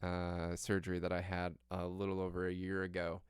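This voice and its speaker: A man's voice: sits low, completely flat delivery, fairly quick, clean tone, no echo, clean studio sound. A man hosting a casual news livestream, blunt, sweary and emphatic, with slightly tongue-tied speech as if his mouth were numb from the dentist. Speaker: livestream host. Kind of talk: casual news commentary to viewers.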